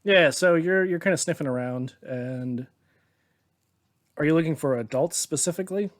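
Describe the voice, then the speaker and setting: Relaxed man narrating as game master. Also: on the high side, moderate pace. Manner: relaxed, descriptive, chuckles often.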